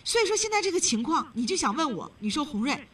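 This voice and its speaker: A woman's voice: sits high, big pitch swings, quick pace, a bit bright, recorded from a distance. A woman hosting a call-in advice radio show, blunt and emphatic, lecturing the caller.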